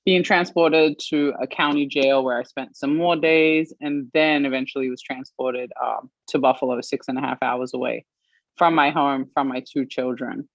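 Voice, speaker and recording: A woman from Australia giving an earnest personal account as an interview guest, pausing often with fillers. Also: very deep voice, no echo. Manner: earnest, measured, with frequent pauses and fillers. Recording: dry, slightly muffled stream audio.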